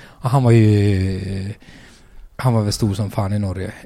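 A man's voice: fairly low pitch, steady tone, mellow, no echo. A man, a stand-up comedian telling a story in casual chat, swearing freely and acting out the quotes.

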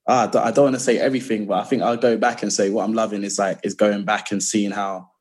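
Low-voiced man thinking aloud. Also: steady tone, quick pace, darkish tone. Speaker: podcast guest. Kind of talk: casual, reflective chat.

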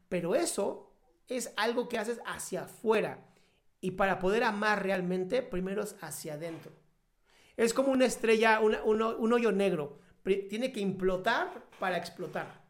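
Emphatic woman giving life advice. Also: mid-range voice. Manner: emphatic, acts out quotes, playful. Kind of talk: casual advice conversation.

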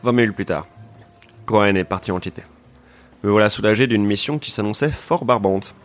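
A man narrating a comic detective story in a deadpan, mock-serious way. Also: lowish voice, a little fast, faint music behind. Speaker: narrator and lead of a comedy podcast. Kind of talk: scripted comedic detective narration.

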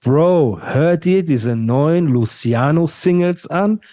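A man's voice: a little high, expressive, slow pace, warm tone. A man hosting a casual rap podcast, ranting emphatically and repeating himself. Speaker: podcast host.

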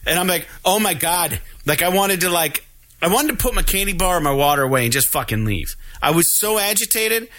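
A man co-hosting a casual podcast, telling a profane, animated story and acting out the other people's lines. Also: high-pitched, fairly quick. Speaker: podcast co-host.

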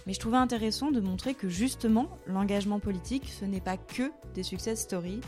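A young woman hosting a podcast, reading a clear explanatory introduction and then interviewing a guest. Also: mid-range voice, brisk, warm tone, faint music behind. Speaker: podcast host. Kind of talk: scripted narration and interviewing.

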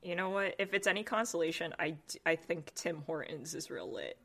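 Bright-voiced woman chatting casually. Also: lowish voice, normal speed. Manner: chatty, laughing often, lots of "like" and "dude". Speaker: podcast host. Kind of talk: casual history podcast chat.

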